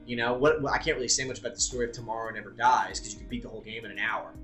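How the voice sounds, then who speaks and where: A man hosting a live stream, chatting casually and thinking out loud, with the odd swear word. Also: mid-range voice, very fast, faint music behind.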